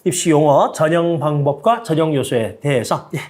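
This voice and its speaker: A man with a fairly high voice hosts an educational talk. He is inquisitive and conversational, often restating points to check them. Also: expressive, normal speed, a little mellow. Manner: inquisitive, summarizes and checks back. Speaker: host.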